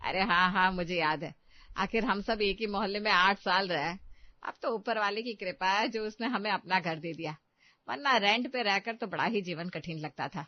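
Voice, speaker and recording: A woman's voice: mid-range voice, close to an everyday voice. A woman playing a boastful, bossy older mother-in-law in a cartoon story, who brags and gives orders. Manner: bragging, commanding. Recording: dull, dry lo-fi.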